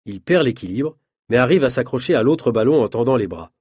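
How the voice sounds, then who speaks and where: A man narrating a story for language learners in a measured, clearly articulated reading. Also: mid-range voice, lively intonation, a little mellow, no echo, studio quality. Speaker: audiobook narrator.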